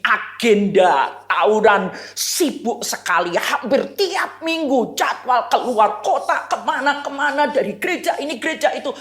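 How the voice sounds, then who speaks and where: A woman pastor with an Indonesian accent preaching a sermon, telling a story with animated, acted-out quotes. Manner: animated storytelling, acts out quoted voices with raised pitch. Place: church. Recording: echoey church hall.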